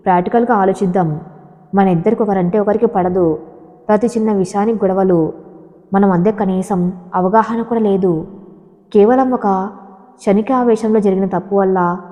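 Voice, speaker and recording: A woman's voice: medium pitch, dull audio, natural voice. A woman reading the lines of a cold, dismissive young husband who speaks curtly and harshly, in a storybook. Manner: curt and harsh. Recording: long hall reverb.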